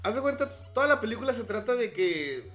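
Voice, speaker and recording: Young Mexican man, rapid and high, bright tone, animated slangy storyteller, faint music behind. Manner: animated retelling, swears freely. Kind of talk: casual storytelling chat.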